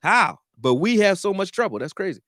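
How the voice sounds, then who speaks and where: A man's voice: a little fast, no room sound, studio quality. Loose, profane Philly man talking football. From Philadelphia, raised; born in Texas. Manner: loose and profane, swings between excited and low mumbling. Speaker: sports talk host. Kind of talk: casual live-stream sports talk.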